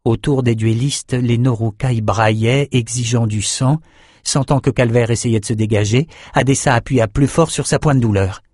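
A man narrating a fantasy audiobook in a steady, measured reading. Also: medium pitch, slightly rough, no room sound, clean studio sound.

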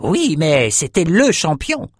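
A man voicing a naive, childlike albino shaman slaver in an audiobook, in a high, slow, puzzled voice. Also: huge pitch swings, husky, no echo, clean studio sound, exaggerated voice. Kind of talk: audiobook character voice.

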